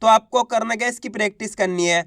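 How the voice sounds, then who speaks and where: A man teaching children to spell, sounding out each syllable slowly, asking questions and answering them himself, and calling viewers friends. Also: sits high, fairly bright tone, dry recording, studio quality. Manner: drawn-out syllables, asks then answers himself; patient, repetitive, addresses viewers as friends. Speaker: Hindi writing teacher. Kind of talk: step-by-step spelling lesson.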